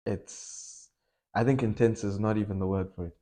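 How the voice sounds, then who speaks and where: A young man from Malawi chats easily about his life in football, his voice sitting a little low. He talks in a loose, animated way, joking and laughing as he goes. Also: moderate pace. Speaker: football coach and academy owner. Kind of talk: casual podcast interview.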